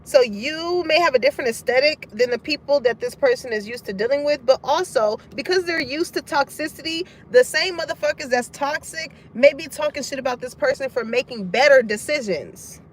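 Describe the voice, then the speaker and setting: A woman's voice: high-pitched, expressive, a little fast, hardly any pauses, slight background noise. A woman giving a casual tarot reading to her collective audience, frank and profane, laughing often as she talks. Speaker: tarot card reader.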